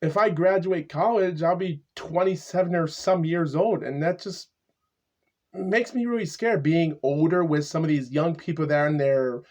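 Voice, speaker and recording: A man in his twenties talking to the camera in a casual vlog monologue, halting and repetitive, stuttering often. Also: fairly high pitch, darkish tone. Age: 20s. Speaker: YouTuber. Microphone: camera mic.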